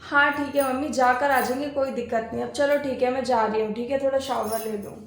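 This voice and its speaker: A woman's voice: high-pitched, fairly even intonation, a little fast. A woman playing a demanding, bossy married sister-in-law who complains and gives orders, in a homemade family skit. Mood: complaining. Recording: echoey room.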